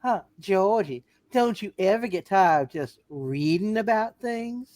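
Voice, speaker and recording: Woman as Violet Bick, animated small-town flirt. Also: medium pitch, measured pace, no room sound, close to an everyday voice. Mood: coy, flirty. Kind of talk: hammed-up live radio play reading.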